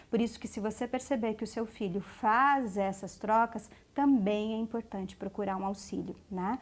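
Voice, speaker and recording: A Brazilian woman speech therapist explaining children's speech development to parents, checking in often with tag questions and slowing down for warnings. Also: mid-range voice. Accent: Brazilian Portuguese. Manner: slows to stress warnings. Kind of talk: educational talk to parents.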